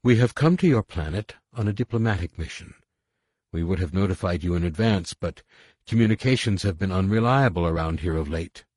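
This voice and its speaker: A man's voice: sits low, darkish tone, husky, no echo, clean studio sound. A man voicing a composed woman diplomat, a princess who speaks firmly and carefully. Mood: diplomatic. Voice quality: measured, firm.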